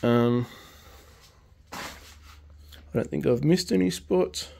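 On a home car restoration vlog, a man rambles casually with many ums and false starts, filmed in an open carport on a phone held close. His voice is slightly high and darkish, slow with vocal fry, and there's a faint hiss or hum.

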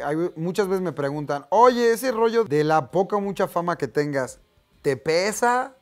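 A man in his thirties with a Mexican accent, casually telling anecdotes to camera in a slangy, lively way. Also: on the high side. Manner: chatty, slangy, acts out quoted voices. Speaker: vlogger.

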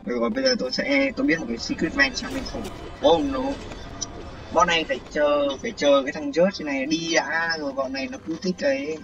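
Man streaming a game, jumpy and loud, high gravelly voice, lo-fi off-mic sound. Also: fast, recorded from a distance. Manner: excitable, panicky outbursts, repeating words. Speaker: gaming livestreamer. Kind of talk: live gameplay commentary. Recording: dull lo-fi sound with faint game music.

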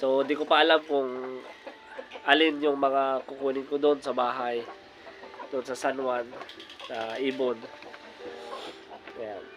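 A man talks casually to his viewers in a yard, stuffy from a cold and filling his sentences with the same little words again and again. His voice sits at an ordinary middle pitch. It is recorded on a phone outdoors with music playing underneath. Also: flat delivery, slow, long pauses, low-quality recording. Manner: chatty, repeats filler words often, addresses viewers directly. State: has a cold. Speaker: vlogger showing his bird cage. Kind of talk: casual vlog walkthrough. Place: outdoors in a yard beside a large bird cage.

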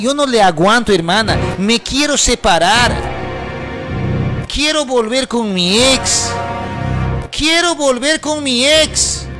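A man voicing a fed-up young wife who whines complaints and shouts insults at her husband in a told story. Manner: whiny complaining, then shrill shouting insults. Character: fed-up young wife, scornful and quick to rage. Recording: music playing underneath.

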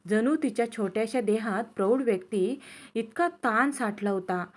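Dramatic female storyteller. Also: a little high. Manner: slow, dramatic, emotional reading. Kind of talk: scripted story narration.

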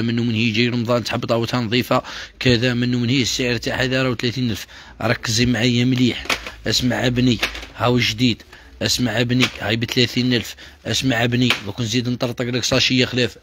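A man with an Algerian accent, a shop seller doing a repetitive, pushy live sales pitch to his viewers. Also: noisy background. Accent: Algerian Arabic.

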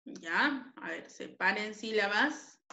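A woman's voice: medium pitch, lively intonation, takes it slowly, creaky, pushed and bright, lo-fi sound. A woman teaching a grammar lesson to pupils, patient and repeating each point. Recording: echoey room.

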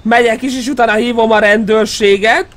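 A man playing a horror game and commenting, teasing the monster and yelping when startled. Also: very high voice. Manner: excitable, mocking the monster, yelps when startled. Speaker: gaming YouTuber. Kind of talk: let's play commentary.

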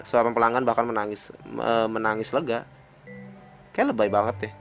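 A man's voice: moderate pace, soft background music. A man reading a visual novel's dialogue aloud in his own voice, with casual remarks of his own in between. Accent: Indonesian. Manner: reads all characters in his own voice, jumps to high pitch for excited lines.

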